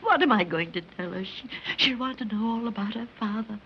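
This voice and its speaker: A woman's voice: on the high side, expressive, brisk. An actress playing a distraught older woman street fruit seller, sobbing and pleading in a 1930s film. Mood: pleading, tearful. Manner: sobbing, pleading, breaking into whispers. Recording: dull old 1930s film soundtrack, faint hiss.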